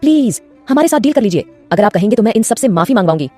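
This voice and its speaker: A woman's voice: mid-range voice, very fast, faint music behind, lightly acted. A woman voicing a fawning office boss lady. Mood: commanding, fawning. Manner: emphatic, flattering.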